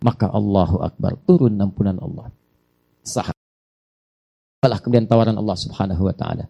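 A man's voice: lowish voice, brisk, gravelly, dark tone, slightly rough, dull audio. A male preacher giving a fervent sermon. He repeats words in waves and breaks into spoken prayers.

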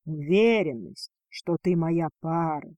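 Rich: A strong male dragon husband with a low, husky murmur, as a woman narrator voices him. His words come slow and breathy in a dry, close recording. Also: mellow, dry recording. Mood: tender.

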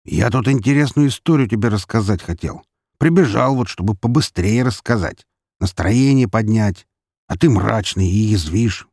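A man voicing a brash, crude, teasing male police investigator, loud and boisterous. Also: lowish voice, expressive, normal speed, no echo, clean studio sound, pitched above the performer's own voice.

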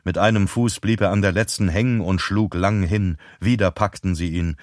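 A man narrates a gripping thriller audiobook in a steady, measured way. His voice sits low, and the recording is dry and close, with no room sound. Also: no echo. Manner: tense, measured storytelling.

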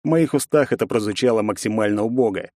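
A man narrating a first-person audiobook in an expressive, gritty storytelling manner. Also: on the low side, fast talker, no echo, studio quality.

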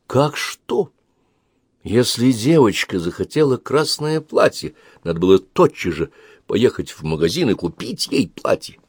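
A man's voice: medium pitch, sing-song, unhurried, a little mellow, breathy edge, dry recording, studio quality, voice pushed up. A man doing a hot-tempered doting father. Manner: insistent, raises his voice.

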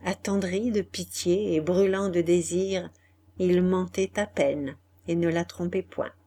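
A woman reading a classic novel aloud as an audiobook, soft and measured, often dropping nearly to a whisper. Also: lowish voice, fairly even intonation. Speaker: audiobook reader. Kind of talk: literary audiobook narration.

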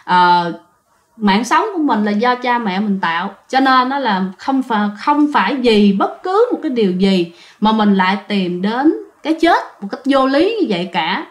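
A woman's voice: on the high side, expressive, normal speed. A woman, telling ghost stories in a chatty way and talking straight to her listeners. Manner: chatty, addresses listeners directly. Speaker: storyteller. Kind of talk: casual ghost-story narration.

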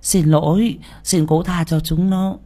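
A narrator voicing a calm, practical older village woman, speaking in a steady, reassuring way. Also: on the high side, unhurried, pitched above the performer's own voice.

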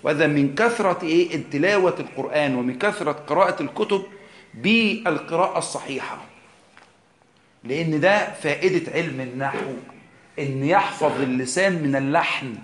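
Egyptian sheikh teaching in an echoey room. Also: male voice, fairly high pitch, normal speed, a bit bright. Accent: Egyptian Arabic. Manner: explanatory, poses rhetorical questions, mixes formal and colloquial Arabic. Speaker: sheikh teaching Quran exegesis. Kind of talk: religious lesson.

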